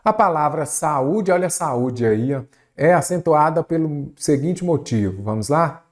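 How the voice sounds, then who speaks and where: A man teaching Brazilian Portuguese spelling for an exam, asking the viewer many quick rhetorical questions. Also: fairly high pitch. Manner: lively, varied pace, rhetorical questions to the viewer. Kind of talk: exam-prep lesson. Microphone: recorded for an online video lesson.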